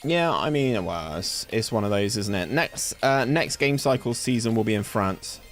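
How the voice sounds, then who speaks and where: Playing a game on a live stream, a young gaming streamer from England's West Country keeps up casual commentary, chatting and responding aloud to viewers. He sits on the low side with lively intonation at normal speed, soft music playing and a fan running in his hot summer home room.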